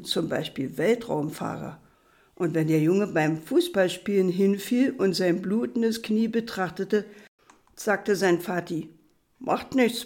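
A man with a notably high voice reads a bedtime story aloud. He tells it in a lively way, lifting his voice higher for the characters.

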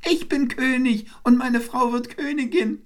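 A man doing a shrill boastful little wren. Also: a little slow. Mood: triumphant. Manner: shrill, excited calling. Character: boastful tiny male wren bird.

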